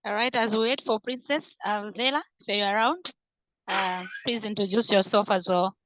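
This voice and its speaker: A woman's voice: mid-range voice, steady tone, moderate pace, fairly bright tone, dry recording. A woman from Malawi moderating an online panel, polite and using many fillers. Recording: muffled online call audio.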